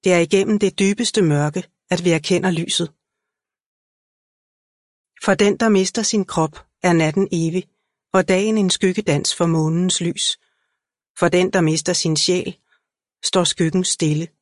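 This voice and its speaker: Woman, audiobook narration, slow and measured, lowish voice, dry close mic. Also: fairly even intonation, dry recording. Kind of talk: scripted narration.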